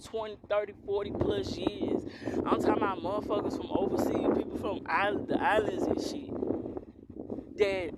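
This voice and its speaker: This young tarot reader from Philadelphia, raised in the US South, has a strong Southern accent and a mid-range voice delivered flatly at normal speed. In a casual to-camera rant, she's blunt, defiant and curses heavily, with clear background noise.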